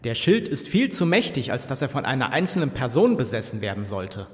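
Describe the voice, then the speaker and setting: A man's voice: mid-range voice, sing-song, fairly quick, natural voice. A man playing an earnest, determined adventurer-archaeologist hero in a fan film, speaking matter-of-factly. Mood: defiant. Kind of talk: amateur film dub acting. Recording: echoey, loud film music behind.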